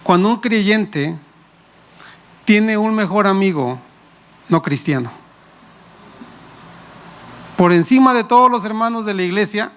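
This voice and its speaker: A man's voice: sits high, fairly bright tone, clean tone. A male pastor, preaching a sermon with playful anecdotes and questions to the congregation. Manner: playful, laughs while telling anecdotes.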